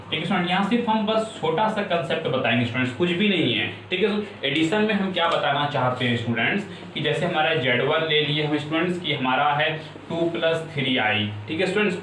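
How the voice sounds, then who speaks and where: A man's voice: fairly high pitch, pushed and bright. A male maths teacher giving a video lesson, constantly addressing the students and asking if they understand. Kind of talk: classroom-style video lesson. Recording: echoey room, distant mic, faint noise.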